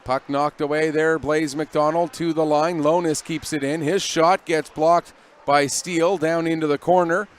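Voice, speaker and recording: Brisk man calling hockey play-by-play. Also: on the high side, fairly even intonation, clear, resonant tone. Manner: brisk running play calls, rising when the action peaks. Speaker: play-by-play commentator.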